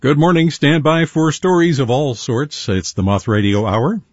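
Husky male announcer on a tinny radio. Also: on the high side, normal speed, no room sound. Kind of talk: station announcements, sponsor reads and weather. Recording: dull lo-fi radio broadcast.

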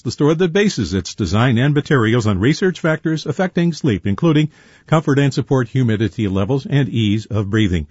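A man's voice: lowish voice, a little mellow, husky, no room sound. A man reading station announcements, sponsor messages and the weather, heard through a tinny radio. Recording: dull lo-fi radio broadcast.

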